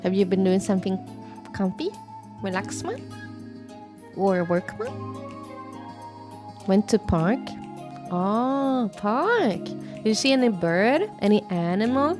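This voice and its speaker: A woman's voice: lively intonation, slow, pauses often. Playful rambling woman streamer. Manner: playful and rambling, with sudden high squeaky greetings. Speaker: VTuber streamer. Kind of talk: casual live-stream chat. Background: faint background music.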